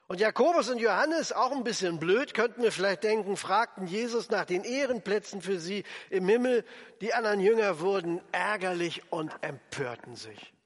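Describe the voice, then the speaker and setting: Male preacher, fairly high voice, church reverb, lively sermon delivery. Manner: animated, acts out quoted voices, drops low for emphasis.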